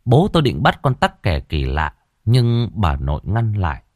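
Guy reading a ghost story, low voice that swings way up and down, dry close sound. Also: normal speed, no echo. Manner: expressive, rises and falls dramatically.

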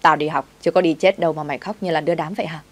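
A woman's voice: low-pitched, fairly even intonation, racing. Bossy young master, read by a woman. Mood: scolding. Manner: scolding, commanding.

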